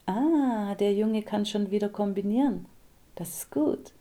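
A woman reading an audiobook, voicing a blunt, teasing young neighbor woman who talks loud and bold. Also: medium pitch, measured pace, natural voice.

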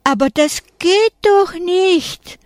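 A woman's voice: on the high side, expressive, normal speed, a little mellow, dry recording, studio quality. A woman reading a children's story aloud, voicing a worried, flustered female teacher. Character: fretful female schoolteacher on a class trip.

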